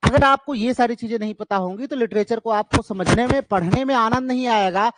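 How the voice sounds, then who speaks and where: A man's voice: very high-pitched, brisk. Male teacher drilling terms through rhetorical questions. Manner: asks rhetorical questions and answers them himself; repeats key terms for emphasis. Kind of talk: exam-prep lecture. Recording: noisy background.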